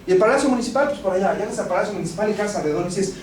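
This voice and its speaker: A man's voice: sits high, expressive, very fast, a little mellow. Man, Mexican accent, classroom lecture, conversational and anecdotal, echoey hall sound, background noise. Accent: Mexican Spanish. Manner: conversational, anecdotal, frequent rhetorical "¿no?". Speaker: law lecturer. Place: university classroom. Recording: echoey classroom, distant mic, noisy.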